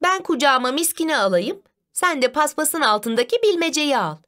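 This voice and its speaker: A woman voicing Zeynep, a cheerful, clever young girl and big sister, in an excited, bouncy child voice for a storybook reading. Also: sits high, moderate pace, voice pushed up.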